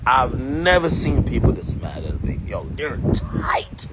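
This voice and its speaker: A man's voice: mid-range voice, sing-song, a little slow. A man chatting casually outdoors, rambling loosely with lots of fillers and laughs. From Jamaican. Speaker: streamer host. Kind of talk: casual vlog chat. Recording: loud outdoor noise.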